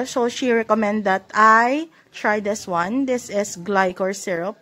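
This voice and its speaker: A woman's voice: a little high, a bit bright. A woman in her thirties with a Filipino accent, chatting casually at home in a haul vlog and filling her talk with fillers. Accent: Filipino (Ilonggo). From Philippines, Iloilo. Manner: chatty, mixes in Tagalog, many fillers. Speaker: vlogger. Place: indoors at home.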